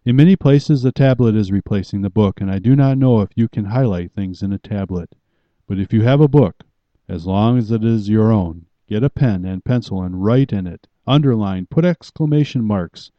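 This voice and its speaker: A man with a low voice preaches a sermon with firm, emphatic commands. His delivery is deliberate and pastoral. The recording is dry and somewhat muffled. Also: dry recording.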